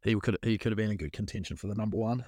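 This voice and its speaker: A man's voice: on the low side, very fast, a little mellow, no echo, clean studio sound. A man with a broad New Zealand accent in casual, matey, slangy conversation. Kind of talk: casual chat.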